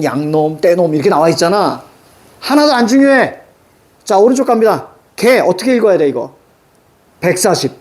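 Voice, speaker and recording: A male teacher giving a classroom lecture on exam questions, brisk and instructive, checking in often with quick rhetorical questions. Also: high-pitched, a little mellow. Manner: brisk, instructive, keeps students marking text.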